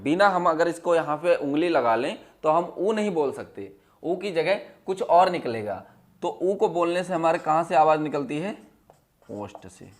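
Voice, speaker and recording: A man teaching a Hindi class, asking questions and repeating the answers in a steady drill, his voice dropping low and quiet on each answer. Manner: drops to a low, quiet voice when giving the answers. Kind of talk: classroom lesson.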